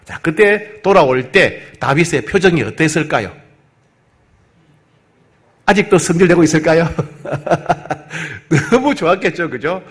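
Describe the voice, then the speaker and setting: A man's voice: on the high side, unhurried. A male pastor leading a Bible study, animatedly retelling the story and quizzing his congregation. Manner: animated, asks the congregation questions.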